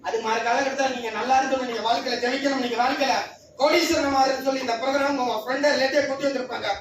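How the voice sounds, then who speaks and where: A man addresses a crowd from the stage, animated and joking as he builds to rousing calls. His voice sits high and rings through a big echoing hall, picked up from far off with noise around it. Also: racing. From Karur, Tamil Nadu. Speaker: motivational speaker at a business event. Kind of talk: stage speech with storytelling. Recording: echoey hall, from far off, noisy.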